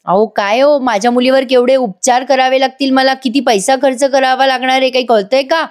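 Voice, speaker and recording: A loud, scheming mother who complains with theatrical shrillness, as a woman reader puts her on. Her voice sits fairly high and sounds like a storybook review read aloud. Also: steady tone, brisk, lightly acted. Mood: indignant. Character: loud scheming middle-aged mother, dramatic.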